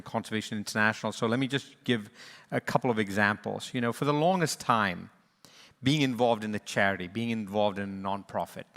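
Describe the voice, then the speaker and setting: Born in Sri Lanka and raised in East and West Africa, this male panel moderator leads a conservation charity and gives closing remarks at a livestreamed panel. His lowish voice is bright and forceful, with long hall reverb, and he sounds earnest and reflective, restarting often and using fillers.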